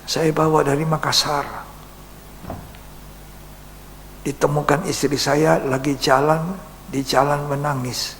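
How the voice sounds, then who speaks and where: A male pastor, preaching a sermon as an earnest story, acting out dialogue and dropping to soft whispers. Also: on the high side, level tone, slow pace, long pauses. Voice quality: gravelly. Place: church. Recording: long church reverb, faint hum.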